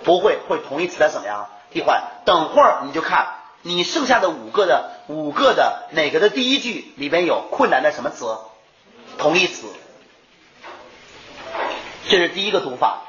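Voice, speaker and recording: A man lectures a classroom in a high, swooping voice that keeps rising and falling. He throws questions at his students and answers them himself. The sound is muffled and lo-fi, with room echo around him. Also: moderate pace. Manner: animated, asks rhetorical questions and answers them. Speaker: English exam teacher. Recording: echoey lo-fi room recording.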